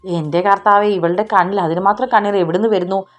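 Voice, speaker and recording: A woman's voice: medium pitch, fairly even intonation, fairly quick, faint music behind, lightly acted. A woman narrator voicing a hot-tempered young man who scolds sharply, in an audiobook romance story. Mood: exasperated.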